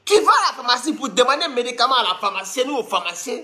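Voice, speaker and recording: Cameroonian man, high bright voice, lively swings, mocking comic rant. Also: fast talker, a little hiss or hum. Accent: Cameroonian French. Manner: animated, mocking, scolding, with sudden squeaky jumps. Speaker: online commentator.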